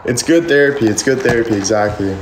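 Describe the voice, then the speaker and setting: Fast and animated, a medium-pitched man in his twenties rambles on a livestream, defensive and emphatic, with free swearing. A phone camera at arm's length captures him in his echoey bedroom, where a ceiling fan turns, and a little hiss or hum lingers.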